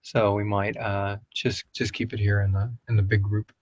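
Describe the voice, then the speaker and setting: His voice sits on the low side with little pitch movement, moving at a moderate pace in a dry recording. As co-host and producer of an audio drama podcast, he handles a live Q&A in a rambling, jokey, informal style, casually reading and answering listener questions.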